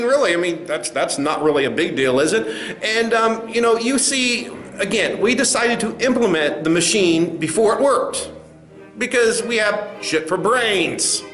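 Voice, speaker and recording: A man with a high, slightly bright voice plays a smug, dismissive corporate spokesman in a satirical comedy sketch, stammering condescending doublespeak at a press address to angry creators. The recording has a roomy echo and faint music.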